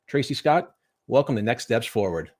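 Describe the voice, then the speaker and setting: A man hosting an interview show, introducing his guest in a brisk, upbeat way. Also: mid-range voice, expressive, a little mellow. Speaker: host.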